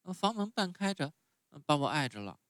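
A storyteller voices a stubborn wooden puppet boy sick in bed, whining, pleading and wailing in a whiny mood. The sing-song voice is mid-range but pitched above the performer's own, fairly quick and fairly bright, recorded in studio quality with no room sound.

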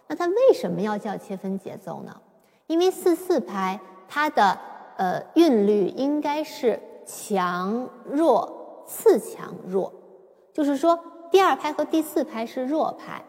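A woman giving a patient, step-by-step piano lesson, explaining slowly with occasional fillers. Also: a little high, creaky, a little mellow. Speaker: piano teacher. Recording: long reverb with piano. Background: piano played at times.

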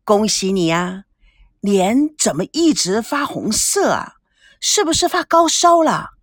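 A woman voicing a cheeky, joking young man who turns wistful, with a lively delivery in a dry recording. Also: mid-range voice, a little slow, dry recording. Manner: joking, cheeky, sometimes sighing.

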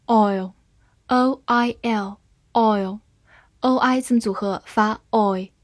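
A woman giving a scripted English vocabulary lesson, spelling words out and reading example sentences slowly. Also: mid-range voice, a little mellow, no echo.

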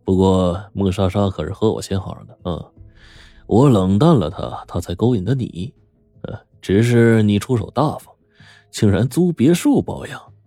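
A male storyteller voicing a sly, grinning middle-aged blackmailer who talks in a smug, mocking, drawn-out way. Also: fairly low pitch, lively intonation, mellow, no echo. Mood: smug, taunting.

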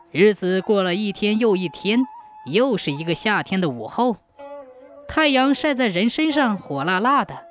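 A woman narrating a folk ghost story in a steady, measured storytelling manner. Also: mid-range voice.

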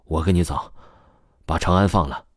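A man voicing a stern old grandfather who reads fortunes, speaking slowly and gravely in an audio story. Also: low voice, no echo, studio quality. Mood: low and stern. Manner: grave, slow, commanding.

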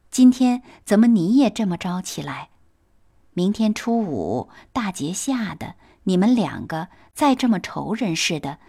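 Brief: earnest young maid giving soft advice, slow and expressive, read by a woman. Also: on the low side, slightly rough, dry recording, studio quality, exaggerated voice. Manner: earnest, advising. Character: sensible young maid, gently persuasive.

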